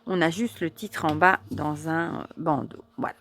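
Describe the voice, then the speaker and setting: Woman host, low-ish voice, chatty card-deck show-and-tell, admiring, hushed asides. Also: fairly even intonation. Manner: chatty, admiring, halting with fillers. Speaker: oracle card reviewer. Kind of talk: casual show-and-tell review.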